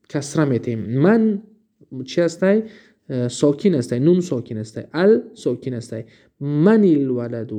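In a recorded lesson, a man with a Tajik-inflected Persian accent explains Arabic grammar from a textbook. He reads examples slowly, then explains them quickly, often putting questions to the listener. His voice is medium in pitch with a dark tone.

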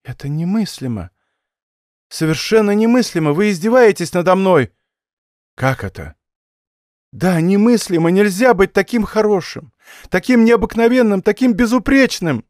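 A man's voice: high-pitched, expressive, moderate pace, darkish tone, no room sound, clean studio sound. A man doing a desperate pleading young noblewoman. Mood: insistent. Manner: tearful imploring, rising to cries.

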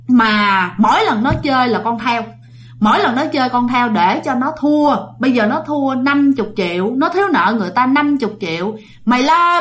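Blunt rough-talking soldier ghost guy, told by a woman, voice sits kinda high, ghost story telling. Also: fairly bright tone. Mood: scolding. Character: dead young male soldier ghost possessing a man.

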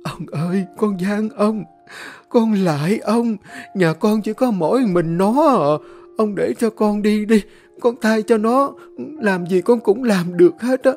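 A frail old peasant woman in her sixties pleads in a high, strained voice that climbs far above the reader's own, as a man puts her on. Her colors every desperate plea. A storybook mother on her knees. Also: measured pace, a little mellow, soft background music. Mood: begging.

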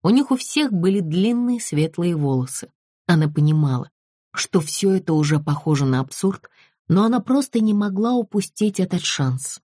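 A woman narrating a thriller audiobook in an even, measured storytelling voice. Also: on the low side, no echo, studio quality.

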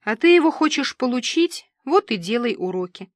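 A woman's voice: fairly high pitch, very animated, normal speed, no echo. A woman reading the lines of a defiant, sulky teenage girl who speaks curtly and stubbornly.

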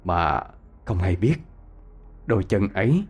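A man narrating a ghost story in an expressive, dramatic storytelling voice. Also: sits low, slow, breathy edge.

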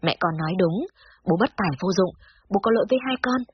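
A woman's voice: mid-range voice, expressive, fairly quick, background noise, natural voice. Woman voicing a despairing, short-tempered father. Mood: remorseful. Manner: shouting, remorseful. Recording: slightly dull lo-fi recording.

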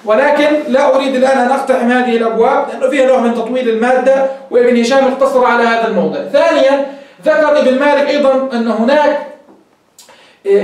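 A man's voice: extremely high pitch, darkish tone. A man who teaches a grammar lesson as a sheikh and keeps checking with his students, asking and answering his own questions. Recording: echoey room, voice far from the mic.

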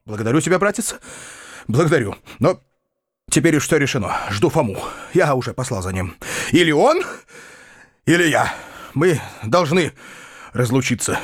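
A man voicing an excitable middle-aged landowner uncle, a former hussar, soft-hearted and prone to declaiming and shouting. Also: medium pitch, moderate pace, long pauses, breathy edge, dry recording, studio quality, voice pushed up. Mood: agitated. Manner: agitated, declamatory, rising to shouts. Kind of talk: audiobook character reading.

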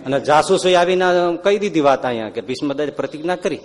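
A man giving a devotional sermon, telling stories animatedly and acting out the characters' lines with sudden loud and hushed swings. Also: a little high, expressive, fast talker. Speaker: religious storyteller. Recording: long hall reverb.

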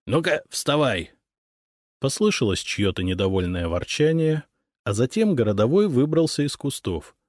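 A man's voice: medium pitch, very animated, normal speed, a little mellow, no echo, studio quality. A man reading a first-person story as an audiobook narrator.

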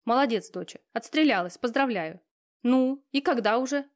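Brisk, bossy mother on the phone, a woman doing the voice in an audiobook. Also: fairly high pitch, animated, pitched above the performer's own voice, natural voice. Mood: pushy. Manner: curt, pushy, businesslike. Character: brisk busy middle-aged mother on the phone. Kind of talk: audiobook character reading.

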